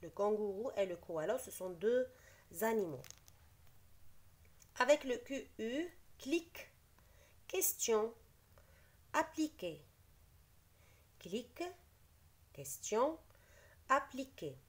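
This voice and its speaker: Woman, schoolteacher, slow and deliberate, repeats every word for the class. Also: on the high side, very animated. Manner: explains patiently, repeats each word, switches briefly into Arabic. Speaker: teacher. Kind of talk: slow spelling lesson, reading words aloud.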